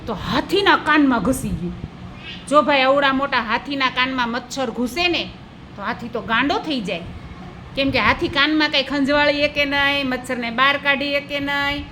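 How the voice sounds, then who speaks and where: Lady telling a kids' folk story, lively, does the animal noises, bright voice. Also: high-pitched, moderate pace, a little hiss or hum. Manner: lively, acts out animal voices and sound effects. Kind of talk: children's folk tale narration.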